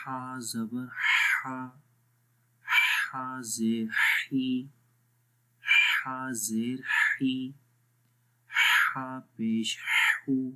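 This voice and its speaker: A man teaching Quran recitation, patient and steady, who stretches sounds out slowly to demonstrate them and often checks in with his students. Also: mid-range voice, low-quality recording. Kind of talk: spoken lesson with recitation drills.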